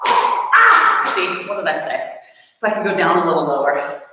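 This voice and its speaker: Heavy background noise surrounds a lowish, brisk female voice as an instructor guides a live workout, counting reps aloud, keeping the mood upbeat, and cracking jokes about her own exertion. It's recorded in an echoey room with lengthy reverb.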